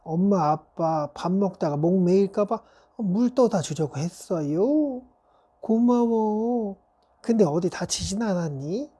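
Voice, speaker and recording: A woman voicing a gentle mother who softly praises and reassures her young daughter. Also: medium pitch, animated, slow pace, husky. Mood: tender.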